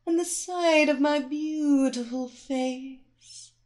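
A woman voicing a seductive, domineering female hypnotist who gives slow, soothing commands. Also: sits high, darkish tone, voice pushed up. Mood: hypnotic, seductive. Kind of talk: erotic audio story acting.

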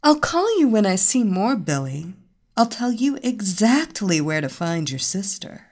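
Seductive psychic vamp, slow and sing-song, by the woman narrator. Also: medium pitch, animated, a little mellow. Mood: sultry. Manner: slow, sultry, teasing.

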